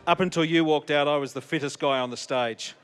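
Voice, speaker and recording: A man's voice: a little high, fairly quick, a bit bright, faint music behind. A man hosting an on-stage interview, joking and playing to the crowd. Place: convention stage.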